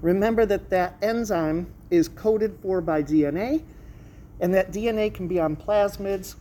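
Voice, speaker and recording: A woman's voice: medium pitch, unhurried, mellow. A woman lecturer explaining material to a class and checking understanding with questions, her voice muffled by a face mask. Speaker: college lecturer. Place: classroom in front of students. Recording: noisy live classroom recording.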